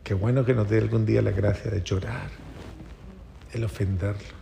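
A man preaching a homily at mass, telling a story that rises to loud emphatic peaks and drops to soft, low phrases. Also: steady tone, normal speed, vocal fry, a little hiss or hum. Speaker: priest. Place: church.

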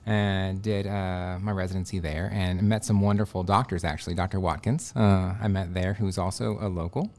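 A man's voice: low voice, fairly even intonation, normal speed, few pauses, a little mellow. A man in his thirties from Texas, a radiation oncologist guest answering interview questions earnestly, with many fillers and restarts.

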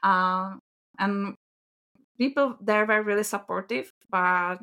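A woman with a Czech accent answers podcast questions in English, her second language. She laughs often and pauses on fillers as she searches for words. Her voice sits at an ordinary pitch for a woman. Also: bright, forceful tone, clean tone. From Czech Republic. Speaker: podcast guest. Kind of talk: casual interview answers.

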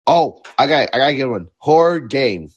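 A man's voice: medium pitch, lively intonation, normal speed, slightly rough, no room sound, lo-fi sound. A young man in a casual group chat about video games, slangy and often repeating himself.

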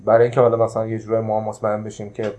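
A man's voice: fairly low pitch, completely flat delivery, dark tone, low-quality recording. A man who manages a traditional hotel, casually recounting a travel memory with many hesitant filler sounds.

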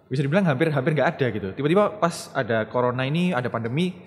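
A young man from Surabaya with a Surabaya Javanese accent, a content creator chatting casually and quickly in an interview. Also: mid-range voice, animated. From Surabaya, East Java. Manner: quick, chatty, laughs at himself. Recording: long hall reverb.

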